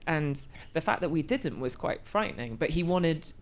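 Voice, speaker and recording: A woman's voice: deep voice, animated, moderate pace. A woman in her forties being interviewed about her acting work, thoughtful and often restarting as she searches for words. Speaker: actor, interview guest. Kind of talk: conversational interview.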